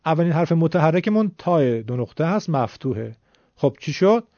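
A man's voice: fairly high pitch, big pitch swings, mellow, no room sound. A man teaching Quran recitation rules, explaining patiently step by step and asking his students questions. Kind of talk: classroom-style lesson explanation. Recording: dull, lo-fi dry recording.

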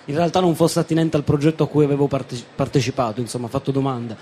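A man's voice: medium pitch, flat delivery, dark tone, slight background noise. A young man, a former student, talking hesitantly on a radio show. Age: young adult. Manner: hesitant, halting, many fillers. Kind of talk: casual radio chat.

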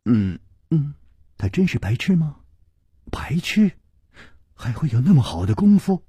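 一位男性说书人演绎一个慌张尴尬的年轻男剑客，说话结巴，语气犹豫。. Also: male voice, on the high side, sing-song, a little slow, warm tone, breathy edge, no echo, exaggerated voice. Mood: musing. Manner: stammering, nervous, awkward laughing. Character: charming young male swordsman, flustered. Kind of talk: storytelling character voice.

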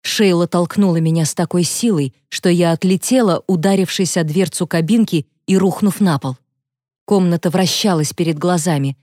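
A woman narrating a first-person audiobook thriller in a steady, expressive way. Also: lowish voice, moderate pace, dry recording, studio quality.

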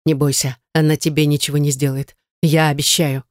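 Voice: mid-range voice, flat delivery, brisk, no echo, studio quality, natural voice. A reader voicing a young husband who is fierce and tender, growling or pleading.

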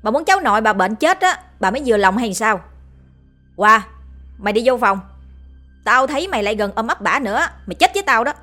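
A woman voicing a spiteful young daughter-in-law who nags and scolds fast. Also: mid-range voice, lively intonation, fairly bright tone, faint music behind, natural voice. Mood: shrill scolding.

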